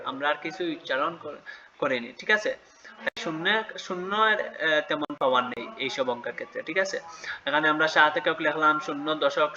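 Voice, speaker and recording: A man's voice: on the high side, sharp tone, lo-fi sound. A man teaching a children's math lesson step by step, patiently asking questions and answering them himself.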